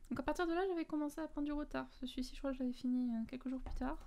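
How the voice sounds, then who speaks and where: A woman's voice: high-pitched, fairly even intonation, rapid-fire, mellow. A woman from France talking casually through her finished coloring pages, listing her art supplies with lots of fillers and self-corrections. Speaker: coloring book vlogger.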